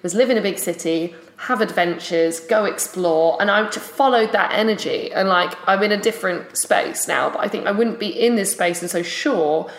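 A woman's voice: medium pitch, normal speed, hardly any pauses. A woman co-hosting a podcast in casual chat, talking in a rambling way with restarts and "you know". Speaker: podcast co-host. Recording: roomy echo.

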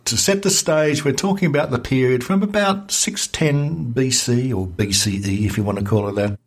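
A man guest on a history podcast, explaining events in a lively, wry conversational way. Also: mid-range voice, moderate pace. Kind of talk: casual history chat.

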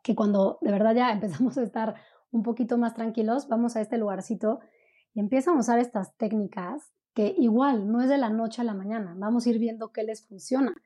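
Woman, mellow tone, higher pitch; conversational guest. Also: brisk, breathy edge. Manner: warm explanatory, frequent "¿no?" tags. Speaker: parenting coach guest. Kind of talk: conversational interview.

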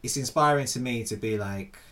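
A man's voice: mid-range voice, fairly quick, a bit bright. A man in a casual philosophical chat, thinking aloud with hesitant restarts.

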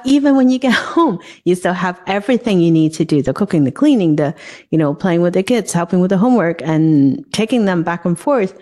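A woman from Hong Kong hosting a podcast, speaking in an animated way and acting out bits of quoted conversation. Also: lowish voice. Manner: animated, acts out quoted dialogue. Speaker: podcast host. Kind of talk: casual podcast interview.

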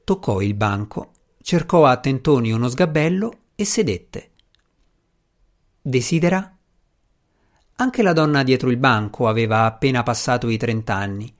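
A man reads an audiobook chapter aloud, steady and measured, at a middle pitch. His delivery stays even and unhurried throughout the narration. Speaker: audiobook reader.

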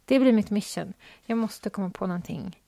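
A woman's voice: mid-range voice, vocal fry, mellow, dry recording. A woman hosting her own podcast, rambling chattily and questioning herself as she talks. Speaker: podcast host. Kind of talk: casual solo podcast monologue.

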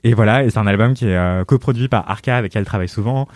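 A man talks excitedly on a podcast. He gushes and rushes, filling his sentences with hesitations and restarts. The sound is dry and close, with no room around it. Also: lowish voice, dry recording. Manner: gushing, fast, many fillers and restarts. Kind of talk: casual podcast chat.

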